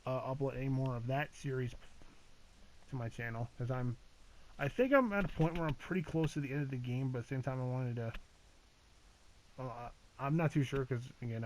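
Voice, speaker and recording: A man's voice: medium pitch, darkish tone, slight background noise, low-quality recording. A man giving a casual channel update as a gaming YouTuber, rambling and hesitant with many fillers, restarts and casual swearing.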